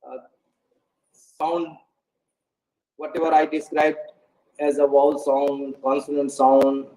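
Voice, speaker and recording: A man's voice: fairly high pitch, a little mellow, rough recording. A man giving a lecture on English intonation to learners, hesitant, with many fillers and restarts. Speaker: English pronunciation presenter.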